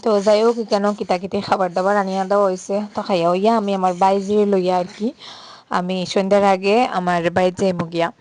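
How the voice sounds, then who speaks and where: A woman's voice: mid-range voice, little pitch movement, fast talker, darkish tone. A middle-aged woman with a Sylheti Bengali accent, chatting unhurriedly as a vlogger with frequent "ah" fillers. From Sylhet, Bangladesh. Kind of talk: casual vlog narration.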